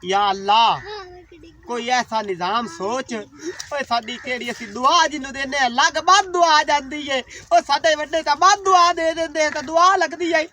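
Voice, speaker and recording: A man's voice: extremely high pitch, normal speed, few pauses, sharp tone. A man acting in a village comedy sketch, boisterous and often laughing as he talks. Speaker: comic actor.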